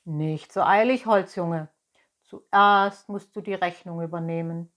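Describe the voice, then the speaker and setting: A woman's voice: lowish voice, a little slow, a bit bright. A woman voicing a brusque adult male innkeeper in a storybook reading, firm and businesslike.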